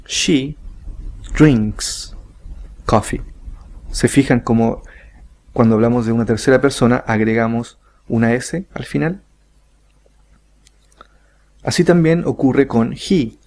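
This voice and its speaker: Slow, gravelly-voiced male teacher. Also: mid-range voice, darkish tone. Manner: slow, deliberate, repeats example sentences. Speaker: English teacher. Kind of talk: online grammar lesson.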